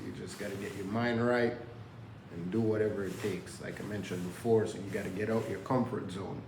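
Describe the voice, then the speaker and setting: A man's voice: fairly low pitch, steady tone, fairly quick, gravelly, background noise. A man from Jamaica talking casually to camera in a loose, rambling way, from an indoor workplace under renovation. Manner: loose, rambling, preachy self-motivation talk. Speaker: vlogger. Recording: echoey room with faint ambience.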